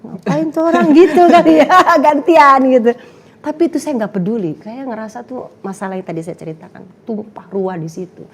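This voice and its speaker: Lively woman telling a story. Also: fairly high pitch, a little fast. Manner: lively, acts out quotes, laughs often. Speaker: guest sharing testimony. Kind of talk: casual storytelling chat.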